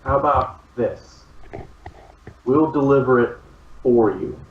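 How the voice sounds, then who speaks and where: A man's medium-pitched voice comes from off the mic in a roomy space. He is a tabletop player negotiating in measured, halting phrases, and the sound is a little dull. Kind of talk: in-character negotiating at a game table. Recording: roomy, distant, slightly dull microphone.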